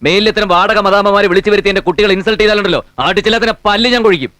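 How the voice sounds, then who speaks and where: A man's voice: high voice, rapid-fire, sharp tone, dry recording, soft background music. An actor playing a hot-tempered young man who scolds and lectures in film dialogue. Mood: scolding.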